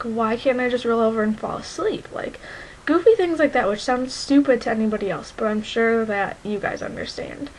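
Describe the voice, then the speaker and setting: A woman's voice: a little high, a little hiss or hum, poor audio. Earnest young woman, reflective vlog. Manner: reflective, earnest, many fillers like "like" and "um". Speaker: vlogger. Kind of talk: candid personal vlog.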